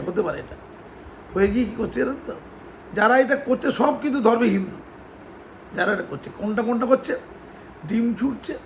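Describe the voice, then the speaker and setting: A man's voice: extremely high pitch, vocal fry, slight background noise, poor audio. A man giving a mocking, sarcastic political commentary monologue.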